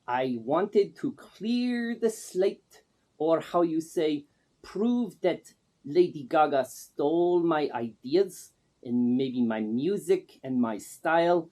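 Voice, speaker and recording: Being interviewed, a man plays an eccentric self-proclaimed pop star, speaking broken English in a put-on Russian accent. His voice is a little high and slow, his manner deadpan and boastful.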